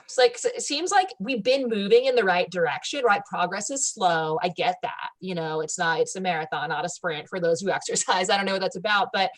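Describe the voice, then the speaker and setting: A woman co-hosting a comedy show, talking in a laid-back, deadpan, ironic way full of "like" and "you know". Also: lowish voice, fairly quick, hardly any pauses. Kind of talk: deadpan satirical wellness chat.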